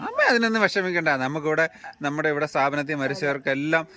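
A man's voice: fairly high pitch, lively intonation, fast talker, sharp tone. A man from who runs an old age home, chatting in a coaxing, teasing and reassuring way with the elderly women there. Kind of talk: casual chat with elderly residents.

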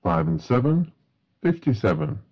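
A man's voice: on the high side, normal speed, creaky, dull audio. A man working as a bingo caller, announcing numbers in set phrases with a matter-of-fact delivery.

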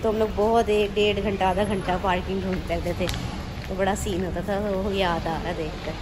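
A woman's voice: medium pitch, steady tone, brisk. A woman in her thirties vlogging casually to a phone held at arm's length, chatting and narrating as she goes. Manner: chatty, narrates to camera with light laughs. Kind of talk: casual vlog chat. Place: car, then busy indoor amusement center. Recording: loud crowd and traffic noise.

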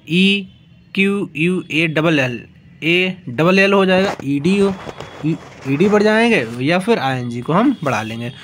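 A male teacher giving an exam-prep grammar lesson, explaining slowly and repeating himself, spelling out letter by letter. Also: sits high, a bit bright, slight background noise. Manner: slow, repetitive explaining, spelling words out letter by letter.

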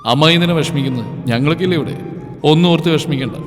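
A man playing a gentle young college guy. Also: fairly high pitch, quick pace, close to an everyday voice. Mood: reassuring. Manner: gentle and reassuring. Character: kind young male college student. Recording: reverberant with music underneath.

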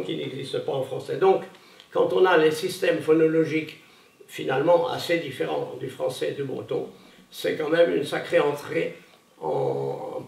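A man's voice: fairly high pitch, vocal fry, darkish tone, far from the mic. A man giving a public conference talk, hesitant, with many fillers and restarts. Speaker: conference speaker. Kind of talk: public lecture. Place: lecture hall. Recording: echoey room, voice from afar.

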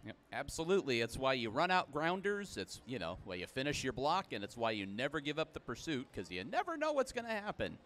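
Excitable man calling live play-by-play. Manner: brisk calls that jump up in pitch and volume on big plays. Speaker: play-by-play commentator. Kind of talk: live sports commentary.

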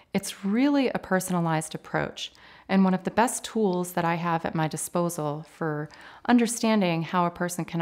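Woman therapist calmly explaining kitchen safety. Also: fairly low pitch. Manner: clear, measured, instructive. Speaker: occupational therapist. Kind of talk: explanatory interview talk. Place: home kitchen, indoors.

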